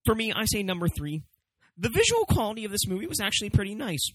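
A man with a slightly high voice hosts a comedic review in a loose, emphatic way, leaning hard on words for stress. The sound is very dry and close. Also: big pitch swings, quick pace, fairly bright tone, no room sound, poor audio. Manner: emphatic, profane, swooping for stress. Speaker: movie review show host. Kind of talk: casual, comedic review commentary.

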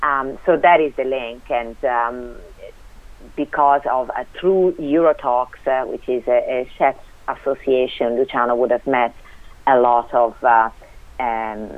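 Speaking a little slowly in a bass voice with a steady tone, an Italian woman with a matching accent is interviewed on the radio. The dry recording comes through a tinny phone line, and she hesitates often, filling gaps and restarting her sentences.

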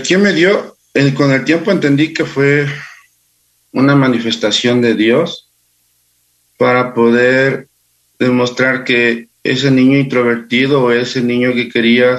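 Man telling a personal story, unhurried. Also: medium pitch, fairly even intonation, highs cut off. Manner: halting, unhurried recounting. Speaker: interview guest.

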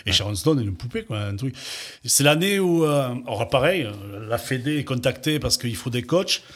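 A man guest in casual chat, telling long anecdotes in a talkative, lively way. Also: medium pitch, normal speed.

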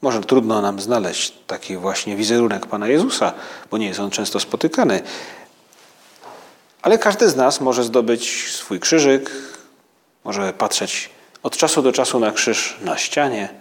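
A man preaching a spiritual meditation, speaking slowly and reflectively, with halting pauses. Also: fairly low pitch, expressive.

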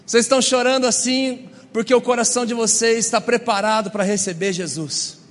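High-voiced Brazilian pastor in a hall. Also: male voice, fairly quick. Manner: animated, acts out quoted voices. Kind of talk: humorous sermon with storytelling. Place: church hall.

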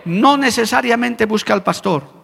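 Gravelly high-pitched preaching man. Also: moderate pace, sharp tone, long reverb tail. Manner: preaching earnestly, addressing listeners as brother. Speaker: pastor. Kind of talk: sermon.

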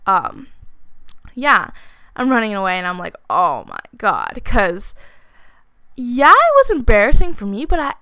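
A woman's voice: on the high side, big pitch swings, measured pace, pauses often, bright, forceful tone, clear, resonant tone, dry recording. Chatty young woman telling a story. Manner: chatty, many "like" fillers, laughs while talking. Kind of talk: casual personal storytelling.

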